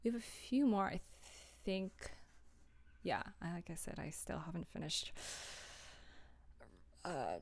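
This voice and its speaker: Her fairly low, darkish voice is very animated yet a little slow, with frequent pauses, as the young livestreamer and audio drama producer answers viewers in a scattered, informal way, often interrupting herself.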